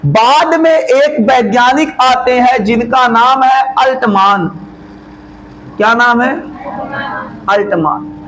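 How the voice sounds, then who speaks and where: A man teaches biology at a slow, drawn-out pace. He quizzes the class and then answers his own questions, slipping into folksy dialect. A faint hiss sits under the recording. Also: very high voice, a bit bright, rough recording. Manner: asks and answers his own questions, drawls key words slowly. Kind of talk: classroom lecture.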